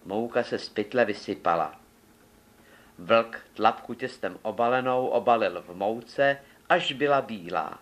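A man reading a fairy tale aloud in a measured, expressive storytelling manner. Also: lowish voice. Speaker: narrator.

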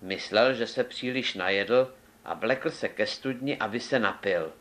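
A man reading a fairy tale aloud in a measured, expressive storytelling manner. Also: lowish voice. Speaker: narrator.

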